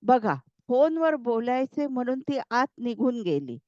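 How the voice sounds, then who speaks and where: A woman's voice: on the high side, big pitch swings, a little slow, dark tone, dry recording, lo-fi sound. A woman voicing a bewildered, stubborn young husband who keeps insisting he is right. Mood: insistent. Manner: insistent, protesting.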